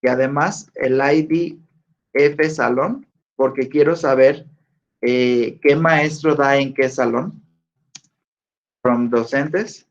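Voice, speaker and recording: In an online class lecture, a male teacher of medium pitch and steady tone questions his students at a slow, deliberate pace. The recording is dull, lo-fi audio.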